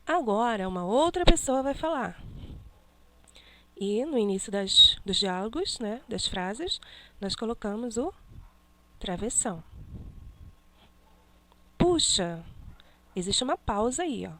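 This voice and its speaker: A woman teacher slowly correcting a classroom exercise, stressing each punctuation mark she names. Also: a little high, lively intonation, bright, forceful tone, a little hiss or hum.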